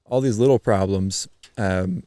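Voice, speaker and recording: Male podcast guest from eastern Canada, lower voice, dry close sound, animated storyteller with frequent restarts. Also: measured pace, no room sound. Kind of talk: casual storytelling chat.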